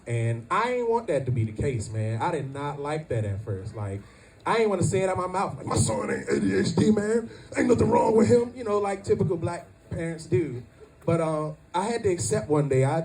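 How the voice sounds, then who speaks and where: A man in his thirties does a stand-up comedy set at a family reunion, loud and animated, shouting his punchlines. His voice is medium-pitched and recorded from a distance.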